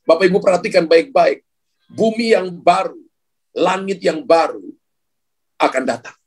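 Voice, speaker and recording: A man's voice: high voice, measured pace, husky. A male pastor preaching a sermon, speaking emphatically and addressing the congregation directly.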